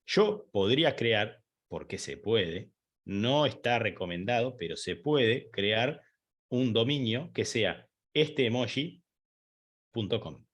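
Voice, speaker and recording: A man's voice: mid-range voice, expressive, slow pace, a bit bright. A man giving an online training lecture, explaining step by step with fillers, restarts and frequent checks with the listener. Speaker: instructor.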